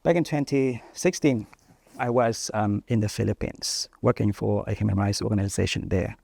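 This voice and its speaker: A man in his thirties from northern Vietnam, a native Vietnamese speaker, answering interview questions thoughtfully with frequent pauses and fillers. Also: on the low side, steady tone, creaky, darkish tone, dry recording. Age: 30s. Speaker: journalist guest.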